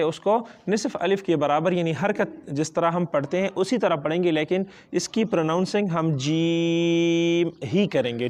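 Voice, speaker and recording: Patiently questioning himself and supplying the answers, a Pakistani-accented man leads a step-by-step Quran reading lesson, drawing out each letter sound. His fairly high voice is a little mellow, and he shifts between two languages.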